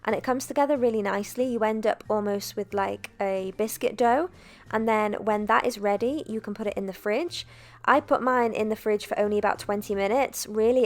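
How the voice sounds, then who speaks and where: A young woman narrating a cooking video in a chatty, relaxed voice-over, with self-deprecating asides. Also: medium pitch. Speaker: cooking vlogger.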